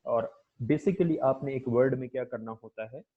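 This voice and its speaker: A man giving a classroom lecture, slowly repeating example words and checking in with "okay". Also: medium pitch, husky. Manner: frequent "okay" checks and filler pauses. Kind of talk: classroom lecture in mixed Hindi and English. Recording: dull lo-fi lecture recording.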